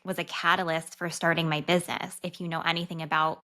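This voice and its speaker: A podcast host and dietitian in her thirties talks candidly and casually about a personal experience, chatty and fast-talking. Her deep voice has a flat delivery that sounds pushed and bright.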